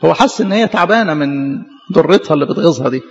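Egyptian priest sermon: high gravelly voice, earnest and repetitive, dull recording with long hall reverb. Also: male voice, animated, very fast, soft background music. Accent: Egyptian Arabic. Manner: earnest, repeats phrases for emphasis.

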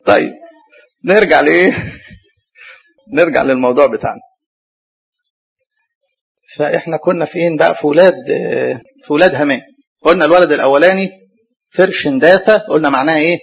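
Male Egyptian preacher, slightly high and husky, quick rhetorical Q&A delivery, dull lo-fi sound. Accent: Egyptian Arabic. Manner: asks rhetorical questions and answers them himself; spells out and repeats hard names slowly. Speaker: preacher teaching the Bible. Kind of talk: sermon, Bible study lesson. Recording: dull lo-fi recording.

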